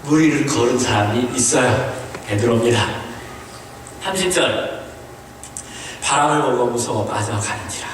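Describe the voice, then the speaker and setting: A Korean man preaching a sermon as pastor, asking the congregation questions and mixing in short English phrases, swinging between high emphatic lines and low quiet ones. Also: moderate pace, pauses often, a little hiss or hum. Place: church sanctuary. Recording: echoey church hall, voice from a distance.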